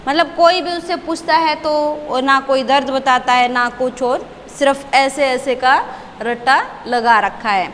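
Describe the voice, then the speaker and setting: A woman's voice: sits high, unhurried, fairly bright tone. A woman teacher reading a one-act play to her class and explaining it in simple words. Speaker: Hindi teacher. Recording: long reverb, faint background noise.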